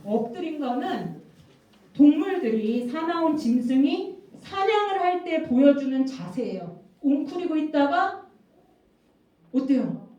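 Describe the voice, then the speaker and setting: A woman pastor leads a children's sermon, drawing answers from the kids with questions and repeating the key words. Her voice sits high and warm. It comes from some way off the mic, through a muffled, strongly echoing church room. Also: very animated, measured pace, recorded from a distance. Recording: very echoey room, voice from off-mic, dull sound.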